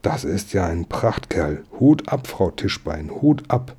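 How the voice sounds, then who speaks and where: A man reading aloud and voicing a cheerful, hearty gentleman passenger who speaks admiringly. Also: low voice, big pitch swings, slow pace, husky, exaggerated voice.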